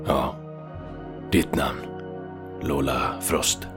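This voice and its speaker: Johnny Edge, a gravelly foul-mouthed game hero. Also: male voice, extremely low pitch, fairly even intonation, over music. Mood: low, tender. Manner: profane, boastful, talks to himself. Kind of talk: video game voice acting.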